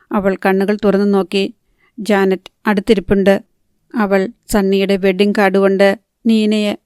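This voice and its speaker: Steady, even-voiced woman narrator. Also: mid-range voice, smooth, no room sound, studio quality. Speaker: audiobook narrator. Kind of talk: scripted narration.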